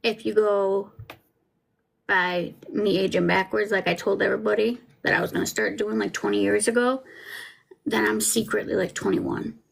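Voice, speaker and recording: A woman's voice: mid-range voice, fairly even intonation, moderate pace, vocal fry. A woman in her forties chatting casually as a podcast host, rambling and self-deprecating. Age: 40s. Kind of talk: casual livestream chat over a trial feed.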